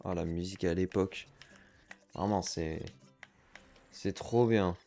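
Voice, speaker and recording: A man's voice: deep voice, measured pace, dark tone, soft background music. A man giving chatty let's-play commentary as a gaming streamer, reacting aloud to the game and dropping English slang.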